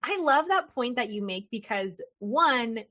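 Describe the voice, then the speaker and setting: A young woman hosting a podcast, chatty and animated, drifting into tangents and acting out quick voices. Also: fairly high pitch. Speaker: podcast host. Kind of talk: casual podcast conversation.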